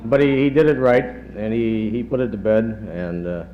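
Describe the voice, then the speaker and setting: A middle-aged man, a chief of staff, giving a halting tribute speech with dry humor, heard on old worn reel-to-reel tape. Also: medium pitch, expressive. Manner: halting, many pauses and fillers, dry humor. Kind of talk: after-dinner tribute speech. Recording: dull worn 1970s tape with faint hum.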